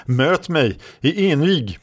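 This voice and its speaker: A man's voice: fairly high pitch, very animated, no room sound, clean studio sound, voice pushed up. A man putting on a fierce warrior lady commander. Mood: commanding. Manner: commanding, proud.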